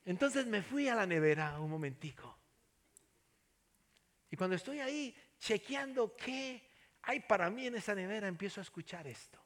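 A man preaching a sermon, telling a personal story and then appealing to listeners, going from soft near-whispers to loud passionate calls. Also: sits high, expressive, normal speed. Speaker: pastor.

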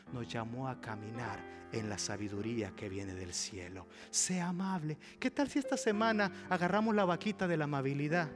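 A man preaching a sermon as pastor, acting out little dialogues, swinging from loud to a whisper. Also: medium pitch. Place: church with a live audience. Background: soft piano.

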